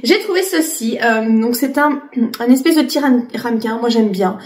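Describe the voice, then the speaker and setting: A woman's voice: on the high side, animated, moderate pace, reverberant. A woman in her late thirties chatting casually in a vlog, with lots of fillers and restarts. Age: 30s. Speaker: vlogger. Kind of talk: casual chat.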